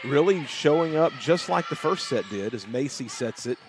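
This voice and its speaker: Excitable male volleyball announcer. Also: on the high side, normal speed, noisy background. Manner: excitable, rises to shouts on big plays. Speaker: play-by-play announcer. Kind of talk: sports commentary.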